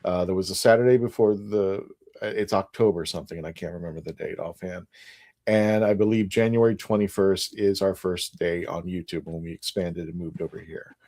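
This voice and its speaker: A man hosting a casual podcast, teasing his co-hosts and recalling dates haltingly. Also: deep voice, steady tone, mellow. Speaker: podcast host.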